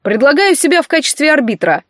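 A smug young man holding forth like a self-appointed judge at a party, read by a woman. His delivery is pompous and preachy, pitched fairly high, with a dry, close sound and no room around it. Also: very animated, fast talker, a bit bright, dry recording. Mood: brisk. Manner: pompous, sententious.

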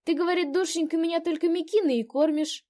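A woman's voice: very high-pitched, fairly even intonation, darkish tone, pitched above the performer's own voice. A woman reading a story aloud, voicing a fussy, gossiping old peasant innkeeper woman. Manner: fussy, fawning, quick to exclaim. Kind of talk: audiobook character voice.

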